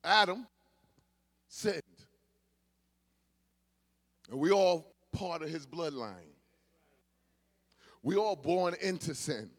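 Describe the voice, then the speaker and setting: A male pastor a sermon, dropping to quiet asides and then rising into shouted exhortation. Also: expressive, drawn-out words, long pauses. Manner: swings from low murmurs to shouted exhortation.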